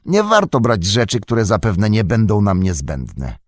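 A man's voice: fairly low pitch, wildly swooping pitch, measured pace, dry recording, clean studio sound, heavily acted. A man voicing a loyal, earnest young male hobbit servant who pleads with his master in a raised, eager voice.

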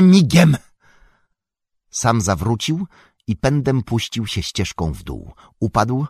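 Male storyteller, low husky voice, lively melody, dry close sound. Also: no room sound. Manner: expressive, animated storytelling. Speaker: audiobook narrator. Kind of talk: scripted narration.

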